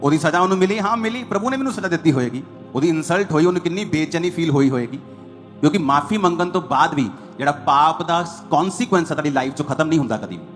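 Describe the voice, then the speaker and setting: Animated and quick, a male pastor delivers a sermon in a fairly high voice, driving points home through short repeated bursts while soft music plays underneath.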